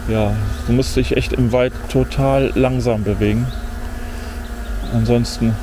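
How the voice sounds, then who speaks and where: Unhurried and fairly even in intonation, a middle-aged man at medium pitch gives himself casual running commentary as he tests a drone in a forest. This drone vlogger mutters mildly disappointed remarks, with insects buzzing and faint outdoor ambience behind him.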